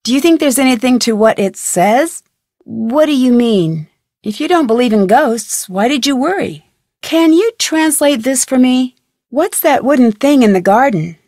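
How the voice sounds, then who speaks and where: With a high-pitched, expressive, slightly mellow voice, a woman plays an inquisitive young amateur sleuth in a video game, friendly and polite as she poses clear questions. Each scripted line comes at normal speed in a clean studio recording free of room sound.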